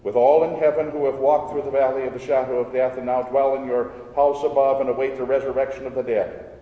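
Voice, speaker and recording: Guy leading church prayers, slow and solemn, big cathedral echo all around, mid-pitched voice. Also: flat delivery, narrow, tinny audio. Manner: measured, solemn intoning. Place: large church. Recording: echoey hall with long reverb, faint rumble.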